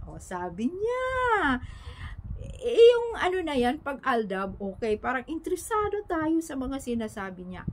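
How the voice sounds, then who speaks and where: A woman's voice: medium pitch, slight background noise, poor audio. A woman chatting casually to her viewers, retelling hearsay and asking them for agreement. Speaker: showbiz gossip vlogger. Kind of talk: casual gossip commentary to viewers.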